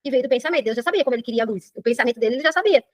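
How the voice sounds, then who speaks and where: A middle-aged Brazilian woman coaching a class, talking very quickly in a high voice. She keeps checking in with her listeners, and her voice sounds dry and close. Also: dry recording. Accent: Brazilian Portuguese. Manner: animated, keeps checking in with "entendeu?". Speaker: personal development coach. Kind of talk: live online class talk.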